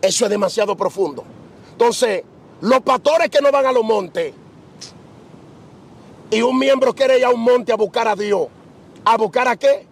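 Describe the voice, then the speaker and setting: A man's voice: extremely high pitch, measured pace, vocal fry, long pauses, breathy edge. A middle-aged man preaching outdoors on a beach, asking rhetorical questions with emphasis. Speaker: preacher being interviewed. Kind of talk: preaching conversation.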